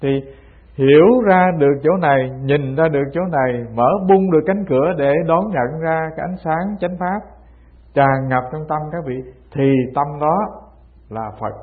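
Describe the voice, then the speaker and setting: A man's voice: a little high, normal speed. A man, a Buddhist teacher giving a Zen dharma talk and acting out the dialogues of old masters as he tells their stories. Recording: tinny phone-like sound.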